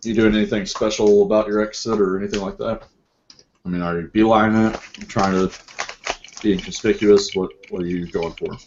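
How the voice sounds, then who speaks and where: A man narrating as game master in a tabletop role-play, relaxed and musing, with many fillers and restarts. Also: fairly low pitch, moderate pace, a little hiss or hum. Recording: dull lo-fi group recording.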